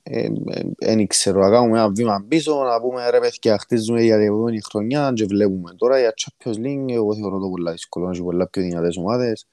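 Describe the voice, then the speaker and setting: A man with a Cypriot Greek accent chats about football as a panellist. His voice is fairly low and dark, recorded dry with hardly any room sound. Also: hardly any pauses, no room sound. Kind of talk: casual sports discussion.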